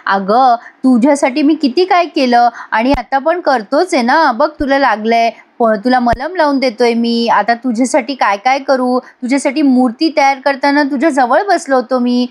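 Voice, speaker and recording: Mischievous young husband, playfully provoking, fairly high voice, as a woman puts him on. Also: moderate pace, hardly any pauses, close to an everyday voice. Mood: teasing.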